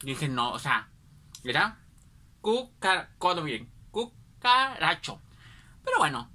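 A woman's voice: fairly low pitch, big pitch swings, slow, sharp tone. A woman, telling a childhood anecdote in a chatty, rambling way and often checking in with her listeners. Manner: chatty, rambling, keeps asking ¿verdad?. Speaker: storyteller.

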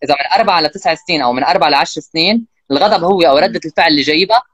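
Man, rapid-fire interview guest, very dry close recording, animated dialogue bits. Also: fairly high pitch, husky, dry recording. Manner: fast, animated, acts out parent and child lines. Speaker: guest expert on parenting. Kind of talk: casual explanatory interview talk.

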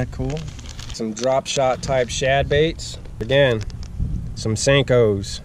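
A man in his forties from Arizona, USA, unboxes fishing gear outdoors beside a boat for a casual vlog, laid-back and enthusiastic with lots of fillers. He speaks extremely slowly at medium pitch with fairly even intonation. The outdoor camera audio picks up background noise.

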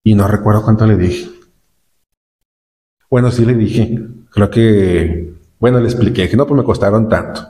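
Telling the story of a trip, a northern Mexican vlogger from Nuevo León wanders casually, repeating himself and using many fillers. He speaks at a moderate pace in a warm, lowish voice, pausing often.

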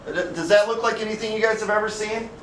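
A man's voice: sits high, fast, a bit bright, a little hiss or hum. A man with an Upper Midwest American accent teaching a classroom lecture, chatty and casual, often asking the class questions. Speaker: instructor. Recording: echoey classroom from far off.

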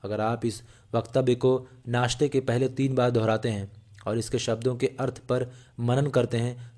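A man reading a self-help audiobook aloud in a steady, earnest way, with small slips and restarts. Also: mid-range voice. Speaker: audiobook narrator. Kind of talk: scripted audiobook narration.

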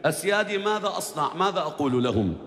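A man's voice: on the high side, sing-song, very fast, a bit bright. A man preaching a sermon voices a frightened young slave girl who pleads in distress. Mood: pleading. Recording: echoey hall with long reverb.

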